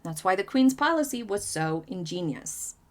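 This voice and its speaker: A woman's voice: mid-range voice, lively intonation, normal speed. Female vlog host, mid-range voice, chatty and opinionated, reads viewer comments and riffs casually. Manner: chatty, opinionated, many hedges and fillers.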